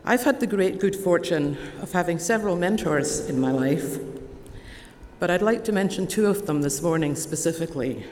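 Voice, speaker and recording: A woman in her sixties, Scottish with an Edinburgh accent, has a lowish voice and lively intonation as she speaks from a podium. Having received an honorary degree, she gives a formal prepared convocation address, measured, deliberate and warmly earnest. The large hall produces long reverb, and faint background noise is present.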